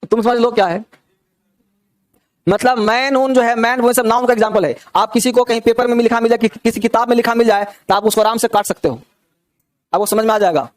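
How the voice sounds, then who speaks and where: A man teaching an English grammar lesson to students. He drills examples slowly and keeps checking whether everyone has understood. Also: very high-pitched, steady tone. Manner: repeats questions to check understanding.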